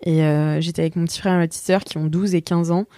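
A French woman co-hosting a podcast in casual chat, pausing often with fillers. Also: sits low, steady tone, dark tone, no echo, studio quality. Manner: hesitant, many fillers. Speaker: podcast co-host.

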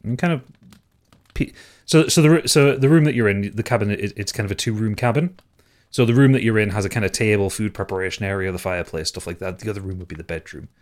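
A man's voice: lowish voice, fast, a little mellow. A man narrating as game master of a tabletop game, loose and full of fillers and restarts.

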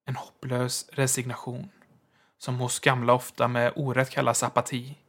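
Hushed male storyteller. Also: mid-range voice, monotone. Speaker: narrator. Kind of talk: scripted narration of a horror story.

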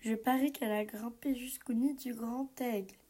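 A woman's voice: on the high side, fairly even intonation, normal speed, mellow, natural voice. A woman voicing a brave, cheerful little mountain girl in a storybook reading, explaining things in an encouraging way.

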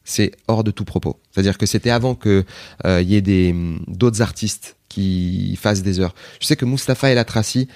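A man's voice: deep voice, moderate pace, no room sound, studio quality. A man guest, a comedian, telling a long story in a chatty, digressive way in a casual interview, quoting other people as he goes. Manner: chatty, digressive, animated retelling with quoted voices.

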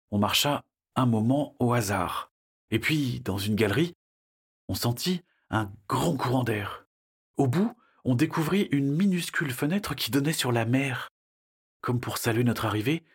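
Husky man narrating a children's story. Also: mid-range voice. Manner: lively storytelling, shifting into character voices.

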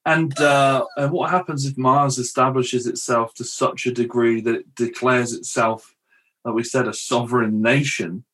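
A man's voice: mid-range voice, steady tone, moderate pace, a bit bright. Chatty, jokey man hosting a podcast. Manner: chatty and jokey, laughs often, rambling asides. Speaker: podcast host. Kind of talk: casual podcast conversation.

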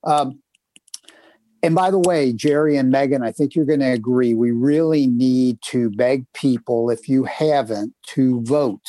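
This man co-hosts a casual podcast from home in northern Kentucky, spinning stories and promoting segments to come, with plenty of fillers along the way. He speaks at a measured pace in a mellow mid-range voice, recorded without echo.

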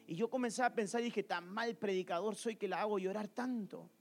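A man preaching in a church with a very high voice. He preaches in animated bursts, asking the congregation question after question and telling stories from his travels, while soft music plays underneath. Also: fairly quick. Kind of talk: sermon.

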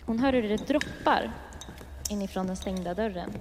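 A woman's voice: medium pitch, in a large hall, noisy background. Woman narrating a creepy story over sizzling. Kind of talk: improvised horror storytelling.

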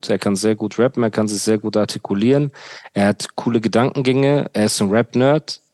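A man's voice: lowish voice, brisk, mellow, no room sound. A young man hosting a podcast, ranting sarcastically in casual chat full of street slang. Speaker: podcast host.

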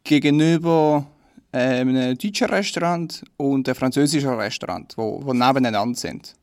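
A man's voice: mid-range voice, moderate pace, no echo. A young man with a Swiss German accent, telling dry, self-deprecating stories in casual chat. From Switzerland.

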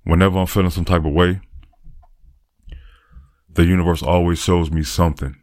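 A man's voice: deep voice, steady tone, moderate pace, darkish tone, dry recording, studio quality. A man talking through a reflective, earnest podcast monologue, repeating phrases for emphasis. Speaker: podcaster and aspiring motivational speaker.

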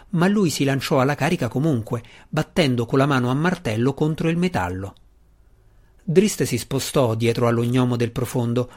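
A man's voice: medium pitch, darkish tone. Man narrating a fantasy novel. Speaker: audiobook narrator.

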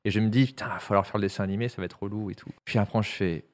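A man's voice: lowish voice, steady tone, very fast. A man talking about his film in casual chat, hesitant and full of restarts. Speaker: filmmaker guest.

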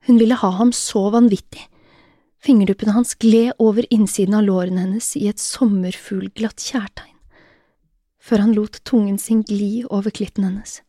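A woman narrating an erotic audio story in a soft, often whispered voice, recorded on a close mic. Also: mid-range voice, steady tone, no echo.

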